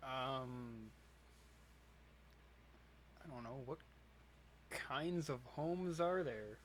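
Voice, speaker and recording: A young man co-hosting a podcast in casual chat, giving dry, low-key replies. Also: lively intonation, drawn-out words, fairly bright tone, a little hiss or hum. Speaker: podcast co-host.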